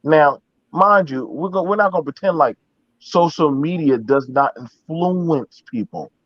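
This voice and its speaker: A man's voice: on the high side, unhurried, dry recording, dull audio. A man in a casual, heated online discussion, speaking emphatically and repetitively with heavy swearing.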